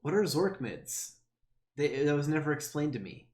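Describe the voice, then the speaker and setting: A man's voice: fairly high pitch, very animated, moderate pace, darkish tone. A male streamer playing a text adventure, reading the game text aloud with hesitant ums and wry self-mocking asides. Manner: hesitant, many ums and trailing thoughts.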